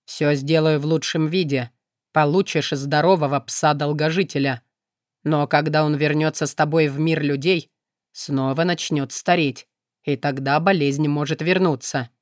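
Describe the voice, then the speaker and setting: A woman voicing a proud male demon lord of shadows in an audiobook, speaking low, measured and unhurried. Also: steady tone, no room sound, studio quality, lightly acted. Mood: cold. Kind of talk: audiobook character voice.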